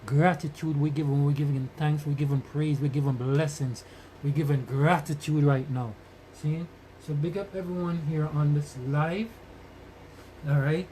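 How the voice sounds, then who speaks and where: He hosts a casual live podcast, greeting his community with blessings in Rasta-style speech and repeating phrases to drive them home. His voice sits on the high side, warm, with fairly even intonation and moderate pace. Because he moves about away from the mic, the stream sounds noisy and distant.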